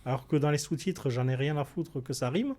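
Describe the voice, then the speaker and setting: A man's voice: on the high side, fairly quick, dark tone. Blunt, opinionated man on a podcast. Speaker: podcast panelist. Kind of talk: casual debate chat.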